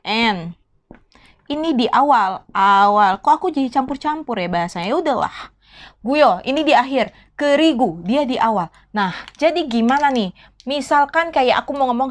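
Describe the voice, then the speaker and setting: High-voiced chatty woman language tutor. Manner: chatty, explaining with examples. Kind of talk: casual online lesson. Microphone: own microphone.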